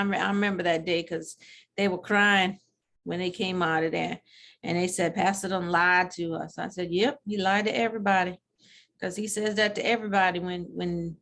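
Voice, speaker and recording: A woman's voice: fairly low pitch, fairly bright tone. A woman playing a sassy, blunt elderly grandmother from church, telling a comic story in a chatty, rambling way with many restarts. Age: older. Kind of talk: comedic character monologue.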